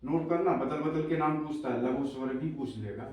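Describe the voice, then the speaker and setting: A man's voice: mid-range voice, moderate pace, darkish tone, a little hiss or hum. A man teaching a Hindi exam-prep class. He repeats each phrase and tells the students to write it down, speaking in an echoey classroom with a board. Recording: echoey room, voice from a distance.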